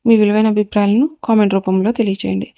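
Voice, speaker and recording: A woman narrating a serialized family drama story in a steady, even reading voice. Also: medium pitch, fast, creaky, no echo, muffled recording.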